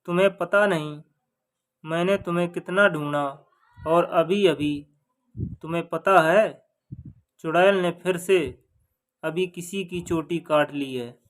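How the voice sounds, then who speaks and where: A man's voice: sits high, takes it slowly, long pauses. A man voicing a worried, bewildered village husband in a folk story, with anxious questioning.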